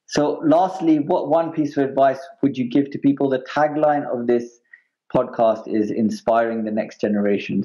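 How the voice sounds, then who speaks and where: A man's voice: mid-range voice, warm tone. A man hosting a podcast interview in an informal, appreciative way. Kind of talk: conversational interview. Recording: dull, muffled lo-fi sound.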